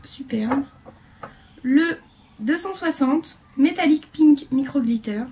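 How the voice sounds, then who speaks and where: A woman chatting casually through a beauty haul video, rambling with fillers and dropping into quiet asides. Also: sits high, animated, slow, slight background noise. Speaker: beauty vlogger.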